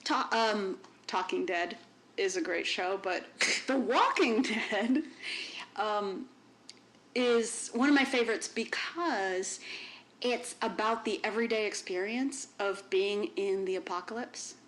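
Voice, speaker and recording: A woman's voice: mid-range voice, slow, a bit bright. A woman co-hosting a podcast in casual chat, musing and self-aware, often trailing off. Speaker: podcast co-host.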